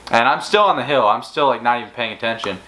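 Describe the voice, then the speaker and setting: A man's voice: mid-range voice, expressive, quick pace, pushed and bright, rough recording. A man co-hosting a fishing channel, telling stories in a casual, rambling way with many restarts. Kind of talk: casual storytelling chat.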